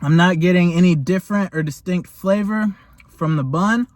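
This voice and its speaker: A young man reviewing fast food in a casual taste-test vlog, talking while he eats and gushing in slang. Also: high voice, no room sound. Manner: talks while eating.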